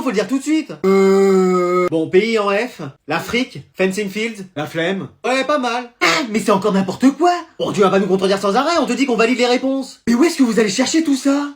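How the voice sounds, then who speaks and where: A young man performing comedy sketches, switching quickly between exaggerated characters. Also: very high voice. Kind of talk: sketch comedy playing many roles.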